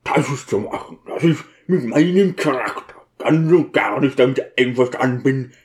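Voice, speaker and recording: A man's voice: medium pitch, moderate pace, a little mellow, lightly acted. A man voicing a grieving, stubborn deacon who grumbles in a sulky, weary way. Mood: brooding.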